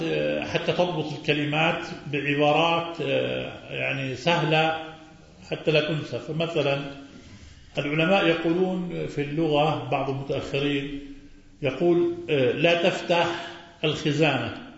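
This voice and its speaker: A man's voice: on the high side, fairly even intonation, normal speed, vocal fry, fairly bright tone. A man teaching a religious lesson as an Islamic scholar. He answers questions, quizzes his listeners and repeats key words. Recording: very echoey, muffled recording.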